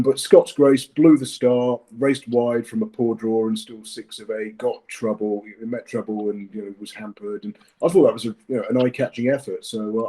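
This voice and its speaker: A man's voice: fairly low pitch, dark tone, rough recording. A man giving his horse racing tips in a casual chat, often hesitating with fillers and restarts. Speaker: racing tipster.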